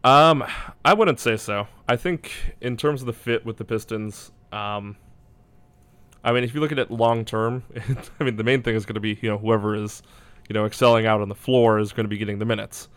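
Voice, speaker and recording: A man's voice: lowish voice, fairly even intonation, brisk, a bit bright, smooth, dry recording. A man talking casually as a basketball draft analyst, hedging and thinking aloud as he goes. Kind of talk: casual sports discussion.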